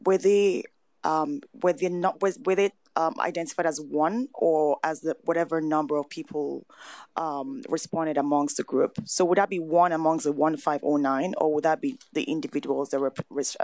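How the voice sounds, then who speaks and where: A woman councillor asking presenters questions at a meeting, halting and rephrasing as she goes. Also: low voice, steady tone, darkish tone, no room sound. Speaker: city councillor. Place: council chamber. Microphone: desk microphone.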